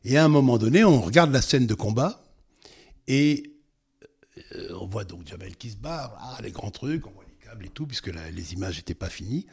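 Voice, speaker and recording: A man, a voice actor, telling anecdotes in a relaxed interview, with frequent hesitations and fillers. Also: fairly low pitch, normal speed, creaky, slightly rough. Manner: storytelling, hesitant with many fillers. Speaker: voice actor guest.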